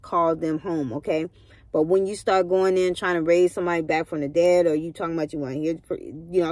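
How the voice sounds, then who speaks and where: In a casual vlog, a young woman retells a Bible story by reading it aloud, repeatedly breaking off for emphatic, preachy asides and calling out to her listeners. Her voice is lowish and warm, and the recording is dry.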